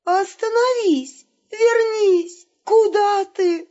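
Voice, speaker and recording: A woman's voice: high-pitched, slow pace, warm tone, dull audio, voice pushed up. A woman voicing a young woman who theatrically sobs and pleads for help, in an audiobook reading. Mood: fake sobbing pleas. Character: young woman playing a frightened damsel.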